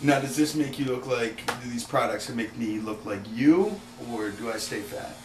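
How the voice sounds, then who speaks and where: A young man hosting a comedic interview from a bed, teasing his guest with deadpan jokes. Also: medium pitch, moderate pace, music in the background. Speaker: host. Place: indoor bedroom set. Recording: roomy with audible background noise.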